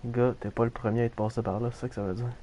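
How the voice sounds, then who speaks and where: A man's voice: medium pitch, level tone, rapid-fire, warm tone, slight background noise. A man with a Québécois French accent, casually commenting on a game for viewers and swearing freely. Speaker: game streamer.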